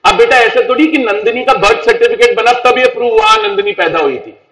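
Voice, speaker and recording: A man's voice: sits high, fast talker, a bit bright. A man teaching law in a classroom lecture, playful and chatty, calling his students "beta" and repeating phrases for emphasis. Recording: echoey room, voice picked up from a distance.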